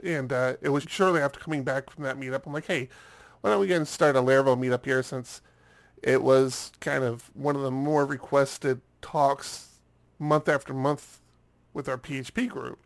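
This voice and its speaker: With vocal fry, a steady tone, medium pitch and moderate pace, this U.S. podcast co-host chats casually. He's still congested after a cold and tends to ramble, repeating himself as he begins sentences again.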